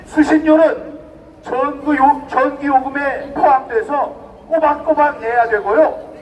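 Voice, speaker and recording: High-voiced middle-aged man rallying a crowd. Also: fairly even intonation, a little slow. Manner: emphatic, rhetorical, addresses the crowd directly. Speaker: rally speaker. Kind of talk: outdoor protest speech. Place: outdoor rally. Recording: distant mic outdoors, faint noise.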